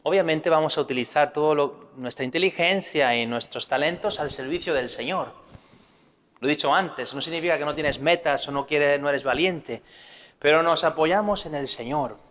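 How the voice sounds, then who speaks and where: A Spanish priest with a Castilian accent preaches a sermon at normal speed, his fairly bright voice sitting a little high for a man. He teaches earnestly and asks his listeners rhetorical questions, while a long reverb suggests a large church hall.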